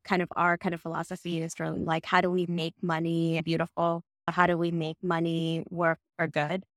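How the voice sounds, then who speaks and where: A young woman from Bangladesh chats as a podcast guest, upbeat and loose, often reaching for "like" and "you know". Her voice sits a little low, recorded close and dry with no room sound. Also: monotone, moderate pace, no echo. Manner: chatty, upbeat, many "like" and "you know" fillers, light laughs. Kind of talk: casual podcast interview.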